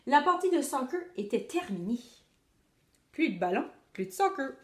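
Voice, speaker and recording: A teacher reading a picture book aloud to children, expressive and addressing the young listeners directly. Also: female voice, high voice, normal speed, roomy sound, slight background noise. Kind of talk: children's storytelling read-aloud.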